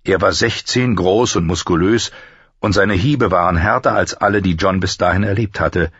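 A man narrating an audiobook with a steady, measured reading. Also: deep voice, husky, dry recording, muffled recording. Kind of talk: scripted narration.

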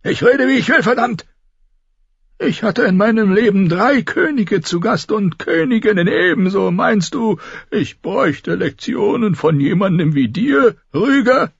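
A man voicing a crotchety, spiteful lord of ninety with a high, cracked cackle, in an audiobook reading. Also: very animated, slow pace, vocal fry, slightly rough, no room sound, lo-fi sound, exaggerated voice. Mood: scornful. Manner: scornful, barking.

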